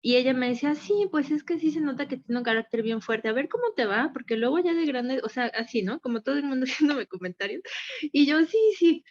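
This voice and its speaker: A woman's voice: high-pitched, lively intonation, fast, lo-fi sound. Overwhelmed woman telling a story. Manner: candid, rambling, acts out quotes. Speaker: group participant. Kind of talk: personal account in group session.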